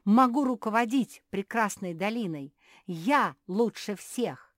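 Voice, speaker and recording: Woman doing a shrill furious dog servant. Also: lively intonation, slow, no echo, clean studio sound. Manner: shouting, indignant, scornful.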